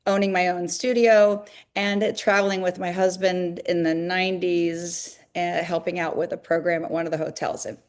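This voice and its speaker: A woman's voice: fairly low pitch, little pitch movement, normal speed, hardly any pauses. A woman, a longtime fitness business owner, explaining her company at length in an interview, with many fillers. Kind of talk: interview answers.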